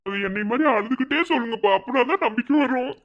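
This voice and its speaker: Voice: mid-range voice, rapid-fire, dull audio, natural voice. A performer voicing a drunk, emotional young man in a cartoon who rambles and repeats himself, with a Madurai Tamil accent. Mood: drunken whining. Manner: rambling, repeats himself, tacks "pa" onto lines. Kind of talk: cartoon voice acting.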